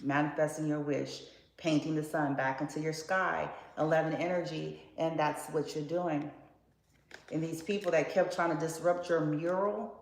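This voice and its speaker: A woman's voice: sits low, fairly even intonation, moderate pace. A woman giving a casual tarot reading in a blunt, profane, sassy way. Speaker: tarot card reader. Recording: roomy echo with faint background noise.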